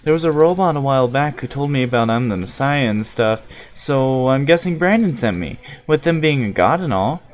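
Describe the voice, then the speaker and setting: A man's voice: medium pitch, animated, normal speed, hardly any pauses, lightly acted. A man voicing a naive, kind young child hero in a video game, speaking in an earnest, casual and inquisitive way. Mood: curious, concerned.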